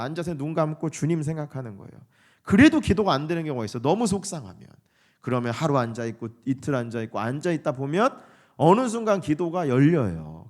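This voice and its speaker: A male pastor delivering a sermon in a church, his voice on the higher side for a man. His delivery swings widely in pitch, with lively, conversational preaching that now and then slips into an imitation of stiff, formal prayer. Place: church sanctuary.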